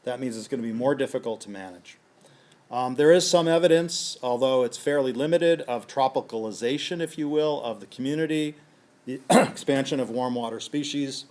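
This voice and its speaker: A scientist giving a lecture, a man whose voice is going hoarse and who keeps clearing his throat as he works methodically through a series of questions. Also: mid-range voice, moderate pace, a little mellow. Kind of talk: conference lecture.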